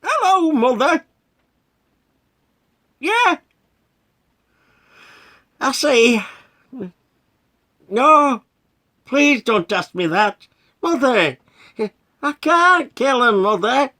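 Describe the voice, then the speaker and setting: A man's voice: very high voice, big pitch swings, extremely slow, pauses often, sharp tone, full character voice. A man playing a henpecked, emotional, jokey old Santa Claus in a comic radio play, with a Northern English accent. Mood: anxious, pleading.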